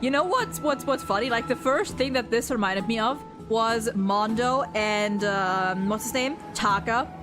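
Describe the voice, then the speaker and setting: A woman's voice: fairly high pitch, unhurried, hardly any pauses, over music. A woman giving casual live game commentary as a streamer, stammering and repeating her words as she reacts.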